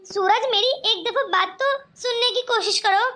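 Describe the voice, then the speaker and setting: A stern young cartoon son, quick to scold his own family. His voice is very high and bright, with a sharp, reproachful tone. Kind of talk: cartoon voice acting.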